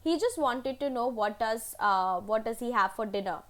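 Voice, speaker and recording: A woman teacher from India retelling a story in an online class, chatty and animated with fillers. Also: fairly high pitch, moderate pace.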